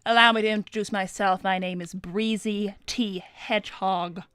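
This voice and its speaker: Casting: woman as glamorous cartoon hedgehog lady, flirty and theatrical, mid-pitched, close dry recording. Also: fairly even intonation, normal speed, fairly bright tone, smooth, no room sound, natural voice. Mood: flattering, coy. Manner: gushing, theatrical, formal phrasing. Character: Breezie, flirtatious, smooth-talking glamorous female cartoon hedgehog. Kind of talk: improvised in-character livestream role-play.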